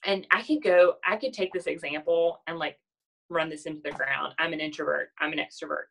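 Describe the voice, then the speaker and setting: Brisk and gravelly, her low, nasal voice has a fairly bright tone and fairly even intonation. She's in her thirties, leads a network marketing team, and gives her sales staff a casual motivational talk, often checking "does that make sense?" over poor audio.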